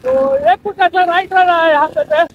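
On town roads, a young Bihari motovlogger gives casual commentary from his bike, speaking to viewers and circling back over the same points. His extremely high voice holds a steady tone at a fairly quick pace. The sound is muffled with a little hiss or hum.

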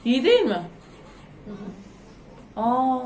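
A woman chatting loudly and rambling to her viewers in a casual home vlog. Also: sits high, very animated, slow pace, slight background noise. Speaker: vlogger. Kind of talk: casual chat to camera. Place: home, indoors. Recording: echoey room.

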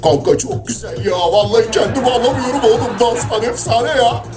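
A man's voice: extremely high pitch, a little fast. A man voicing an eager, slangy buddy dog in a comedy voice-over of pet videos. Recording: voice-over with loud background music.

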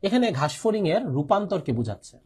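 Husky young man teaching biology. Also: high-pitched, big pitch swings, quick pace, a little mellow. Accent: Bangladeshi. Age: young adult. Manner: repeats key points, asks and answers his own questions, coughs often. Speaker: biology tutor. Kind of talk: online exam-prep lecture.

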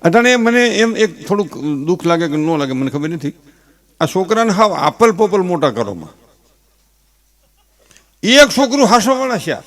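A man with a Kathiawadi Gujarati accent, a stage comedian mixing folksy, animated stories with earnest advice. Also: high voice, moderate pace, long pauses. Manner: folksy, animated storytelling with gestures; earnest advising. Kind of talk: humorous stage talk with advice.

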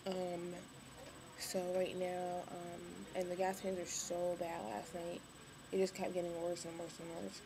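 A woman's voice: completely flat delivery, measured pace. Weary, weak-sounding young woman, noisy recording. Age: young adult. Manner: weary, low-energy, hesitant after surgery. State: tired and weak, recovering from surgery. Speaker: vlogger. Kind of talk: casual video diary. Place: hospital room. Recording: clearly noisy webcam recording, room ambience.

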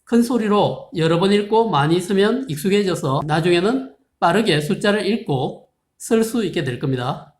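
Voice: medium pitch, expressive. Patient math teacher in an echoey room. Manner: slow, patient explaining, reading digits out one by one; polite formal speech, asking viewers questions. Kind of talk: recorded video lesson. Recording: roomy, echoey room sound.

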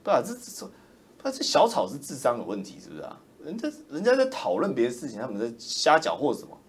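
A man, ranting loudly and mockingly as a political commentator on a livestream. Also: medium pitch, huge pitch swings, fast. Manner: loud, roaring, mocking, insulting.

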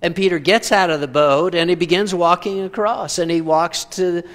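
A man preaches in a church, talking to his congregation in a relaxed, conversational way and slipping in rhetorical questions and dry humor. His voice sits a little high for a man. His words ring out with a long reverb. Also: moderate pace. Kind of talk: sermon. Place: church sanctuary.

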